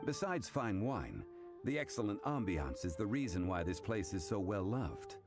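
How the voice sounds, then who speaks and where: Low-voiced, refined gentleman. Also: big pitch swings, soft background music. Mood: composed, refined. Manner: formal, measured wording. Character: composed, refined gentleman, courteous and learned. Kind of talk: video game dialogue.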